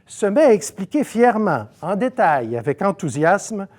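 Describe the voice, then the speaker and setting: A man's voice: sits high, very animated, normal speed, darkish tone. A middle-aged man from Saguenay with a Québécois accent, giving a conversational seminar lecture with many asides and fillers. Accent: Québécois French. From Saguenay, Quebec. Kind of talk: storytelling lecture.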